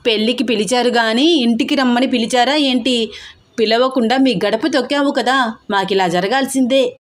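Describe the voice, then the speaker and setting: A woman voicing a scheming middle-aged aunt who complains loudly and theatrically. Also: on the high side, moderate pace, lightly acted. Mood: sulking. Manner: loud, dramatic, wailing complaints.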